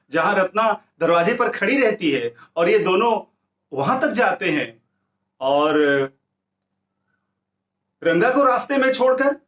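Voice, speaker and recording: A man's voice: high voice, a bit bright, roomy sound. A male teacher explaining a story, switching between Hindi and English as he retells it.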